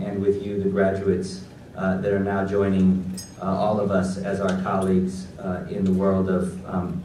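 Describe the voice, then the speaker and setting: Delivering a graduation keynote at a podium on a large auditorium stage, a forty-something man from Los Angeles, United States, reads carefully from prepared remarks. His voice is deep and darkish, with slight background noise. A distant audience camera picked up the podium mic, leaving the hall sound echoey.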